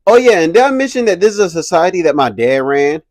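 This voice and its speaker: A young man hosting a casual commentary video, animated and slangy, laughing often as he talks. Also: high-pitched, quick pace, no echo. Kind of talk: casual pop-culture commentary.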